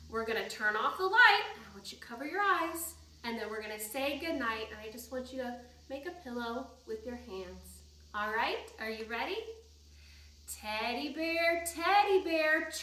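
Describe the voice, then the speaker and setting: Heard through a distant microphone in an echoey room, a woman with a high, sharp-toned voice runs a storytime for little kids. She reads aloud and talks in a sing-song way, tossing out simple prompts.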